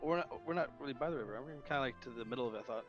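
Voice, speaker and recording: A man's voice: mid-range voice, fairly bright tone, lo-fi sound, faint music behind. A man playing a tabletop game who chats casually, joking and rambling. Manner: joking, rambling, talks in quick bursts. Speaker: player. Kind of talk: casual chat at a gaming table.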